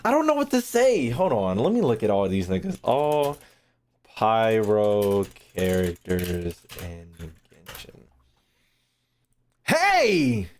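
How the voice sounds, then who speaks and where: A streamer with a fairly low, slightly mellow voice reacts to his live chat in casual, slangy gaming commentary, very animated yet slow and pausing often. He swears freely and repeats phrases while thinking aloud, over slight background noise.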